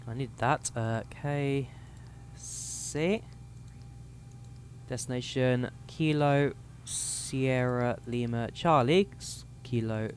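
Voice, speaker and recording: There's slight background noise behind this young man's medium-pitched, slightly worn voice. Casually narrating live, he sets up a flight sim cockpit for viewers and reads codes and numbers aloud.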